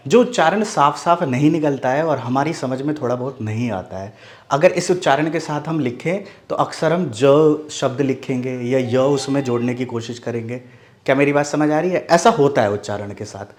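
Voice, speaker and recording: Casting note: a male Hindi teacher from the Mithila region, patient and explanatory, who repeats example words and often checks that the class follows. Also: mid-range voice. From Mithila region, India. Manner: explains step by step, often asks "do you follow?" and repeats "ठीक है"; says example sounds and words slowly and repeats them. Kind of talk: online video lesson.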